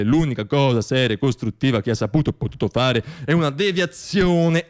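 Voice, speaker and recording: A man with a slightly high voice performs a scripted radio theatre monologue as the storyteller. His phrasing is dramatic and deliberate, punctuated by pauses.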